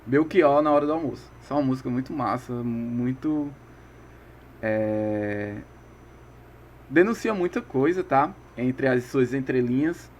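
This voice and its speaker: A man from Brazil teaching a video lesson in a casual, chatty way, often pausing to check that his students follow. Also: medium pitch, lively intonation, a little hiss or hum. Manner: casual, keeps checking in with listeners.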